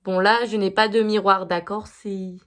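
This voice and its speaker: A woman's voice: mid-range voice, little pitch movement, moderate pace. A young woman filming a casual makeup vlog, chatty and self-mocking, stumbling over words with many fillers and apologies. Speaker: vlogger.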